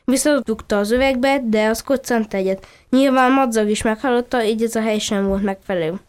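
A woman reads a children's story aloud in a gentle, steady way. Her voice sits somewhat high and sounds smooth and resonant. She narrates in even, unhurried phrases.

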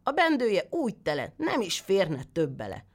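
A woman voicing young sons who answer with cheerful, brisk assurances. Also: mid-range voice, big pitch swings, slightly rough, pitched above the performer's own voice. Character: young male sons, eager and fibbing.

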